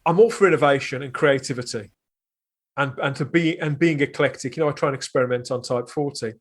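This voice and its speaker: A man with a mid-range voice speaks at a brisk pace as a podcast guest and reviewer. He's casual and discursive, often rephrasing himself, with a wry understatement.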